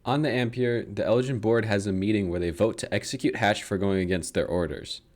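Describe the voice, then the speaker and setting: A young man with a lowish voice tells a book's story as comedy, dry and sarcastic, dropping swear words and chuckling at his own jokes. He reads from a script but keeps it loose and chatty. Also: fairly quick, a little mellow. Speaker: comedic book summarizer.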